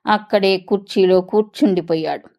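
A woman narrator reading a story aloud in a steady, measured way. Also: mid-range voice.

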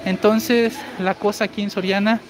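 A shopping-deals streamer in his forties, high-voiced and girlish-sounding, walks a large indoor supermarket with his phone for a live walkthrough. He's chatty, explaining deals and reading viewer comments, though his delivery is flat at a moderate pace, with noisy store ambience around him.

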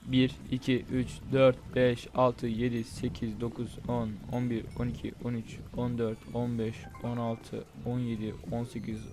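A young man doing casual, excitable gameplay commentary, chatting straight to his viewers. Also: medium pitch, measured pace, hardly any pauses. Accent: Turkish. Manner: chatty, excitable, talks to viewers as "guys" and "bro". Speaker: gaming YouTuber. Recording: faint game music behind.

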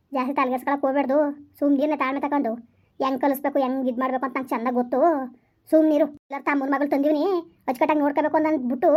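In a piece of village family drama, a woman plays a scheming rural mother who plots revenge while alternately scolding and reassuring her daughter. Her natural voice sits high but has a darkish tone.

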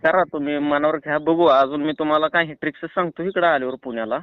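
With a rural Maharashtrian Marathi accent, this prank caller talks quickly in a fairly high, clear, resonant voice, without echo. His casual phone chat is persuasive and reassuring, and the call sounds tinny.

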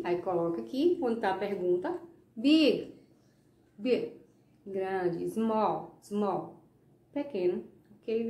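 Native Portuguese-speaking woman as a patient English teacher, drawn-out pace, roomy echo. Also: mid-range voice, a little mellow. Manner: slow, patient, repeats words and checks with "ok?". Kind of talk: recorded classroom lesson.

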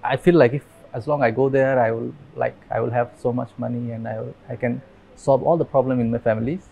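A Bangladeshi man in his thirties, interviewed in a dim room on a lapel mic, telling his story earnestly with halting restarts. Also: mid-range voice, fairly even intonation, creaky, phone-quality sound. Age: 30s. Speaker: interviewee, migrant worker. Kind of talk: documentary interview. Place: dim indoor room with fans.

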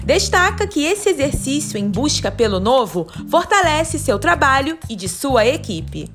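A Brazilian woman in her thirties, a TV reporter reading scripted narration in a smooth, measured way. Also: high voice, very animated, fairly bright tone, faint music behind. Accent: Brazilian Portuguese.

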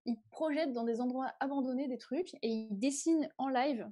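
A woman co-hosts a live stream with easy, slangy enthusiasm. Her voice sits high but has a soft, mellow tone. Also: normal speed. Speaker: co-host. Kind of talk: casual live stream chat.

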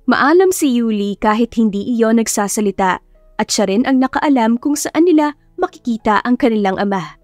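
A woman with a Filipino accent and a fairly high voice gives scripted, dramatic audiobook narration of a romance story. The recording has no echo, with soft music in the background.

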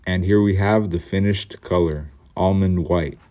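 Here a middle-aged man gives a plain voice-over about his homemade boat, speaking a little slowly in a low, mellow voice. The narration is casual, and he's a bit self-deprecating about the mistakes he made.

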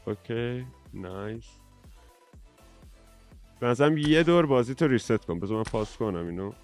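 A lively male streamer in casual gaming banter, joking around and turning to his viewers now and then. His voice sits at a middle pitch, with faint music underneath. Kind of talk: casual gaming commentary with a friend.

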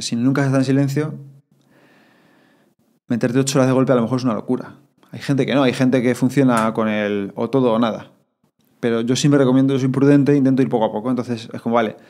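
A man with a Spain Spanish accent, talking casually as a podcast guest and acting out his own thoughts. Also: mid-range voice. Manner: fast, animated, acts out inner thoughts in quotes.

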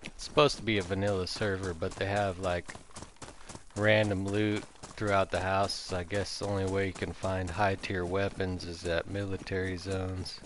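Game streamer, male, young adult; very low voice, easygoing and casually profane, faint hiss behind. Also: little pitch movement, normal speed. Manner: laid-back, casually profane. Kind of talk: casual gameplay chat.

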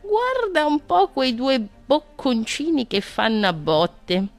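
A woman's voice: sits high, sing-song, slow, faint music behind, voice pushed up, exaggerated voice. A woman voicing a hungry, sly fox in a children's storybook reading, with a grumbling manner.

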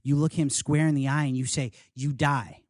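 A man's voice: a little high, level tone, quick pace, darkish tone, no room sound, studio quality. Man giving an earnest memoir reading. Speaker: author reading his memoir. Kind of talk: live literary reading. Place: house reading event, indoors.

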